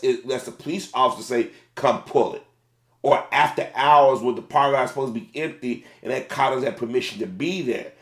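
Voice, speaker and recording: A middle-aged man, a former fast food manager, giving casual, plain-spoken commentary on a video. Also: mid-range voice, echoey room.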